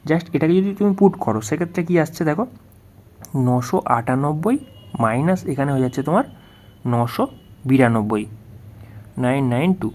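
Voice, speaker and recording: A man's voice: mid-range voice, a little mellow. A male tutor explaining exam answers one step at a time, often putting questions to the student. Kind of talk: worked-solution lesson.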